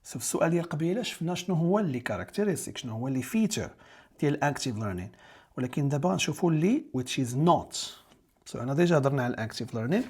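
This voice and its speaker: A man's voice: a little high, lively intonation, fast talker, darkish tone, husky. A man with a Moroccan Arabic accent teaching an exam-prep lesson, explaining step by step and rephrasing key English terms in Darija.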